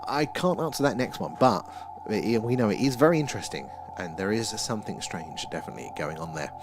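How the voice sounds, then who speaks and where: A man's voice: on the low side, lively intonation, brisk, background noise. A man with an Essex accent hosting a casual livestream, rambling and self-deprecating as he answers viewers' comments. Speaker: livestream host. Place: small room at home.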